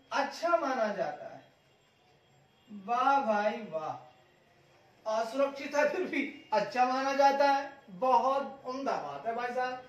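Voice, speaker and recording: A man's voice: very high voice, echoey room, distant mic, poor audio. A male teacher giving an exam-prep lecture, playful, repeating each term and asking and answering his own questions. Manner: playful, repeats terms, sings a jingle, asks and answers himself. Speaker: commerce teacher.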